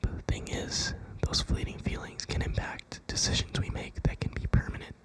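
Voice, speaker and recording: A young adult ASMR creator whispers an entire pep talk, keeping the delivery gentle, reassuring, and unhurried.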